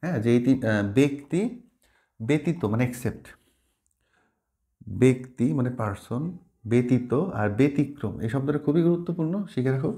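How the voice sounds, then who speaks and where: Male teacher, warm dark tone, patient, repeats each word slowly for students. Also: mid-range voice. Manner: mixes in English words while explaining. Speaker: language teacher. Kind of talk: spoken pronunciation lesson.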